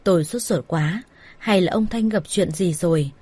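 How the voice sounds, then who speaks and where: A woman narrating a first-person romance story in a plain, steady voice. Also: lowish voice, moderate pace, husky. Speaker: story reader.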